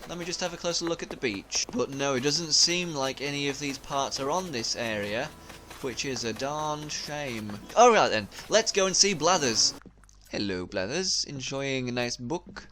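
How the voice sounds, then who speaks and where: A man's voice: medium pitch, animated, normal speed, fairly bright tone, a little hiss or hum. A young man casually commenting while playing a game, chatty and self-mocking. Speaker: gaming video host.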